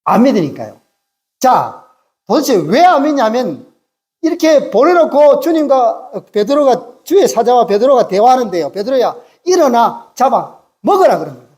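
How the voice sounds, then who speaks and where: A man's voice: very high voice, big pitch swings, moderate pace, a little mellow. A male pastor preaching a sermon, acting out quoted lines and teasing the congregation, with English phrases slipped in.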